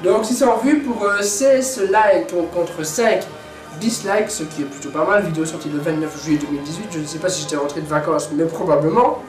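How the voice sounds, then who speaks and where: Chatty high-voiced young man, echoey room. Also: brisk, faint music behind. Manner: chatty, jokey, repeats words. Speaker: YouTuber reviewing his own videos. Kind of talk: casual vlog chat.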